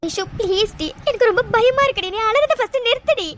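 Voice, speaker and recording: A woman acts out a worried young best friend in a cartoon love story. She pleads and soothes in a very high voice, repeating herself. Faint noise sits under the recording. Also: animated, a little fast. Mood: pleading. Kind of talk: cartoon drama voice acting.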